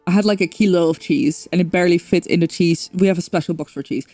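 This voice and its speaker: Faint music plays behind a fast-talking woman from the Netherlands as she casually chats through a gameplay stream, rambling with many fillers. Her Dutch-accented voice is on the low side and mellow, with no room sound.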